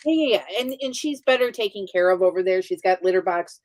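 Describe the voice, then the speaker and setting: A woman hosting a casual chat while building, telling a story with animated energy and mimicking voices. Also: mid-range voice, fairly quick, a little hiss or hum. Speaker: host.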